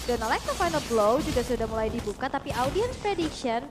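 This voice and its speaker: A woman giving casual, brisk analytic color commentary on an esports match. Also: high voice, sing-song, noisy background.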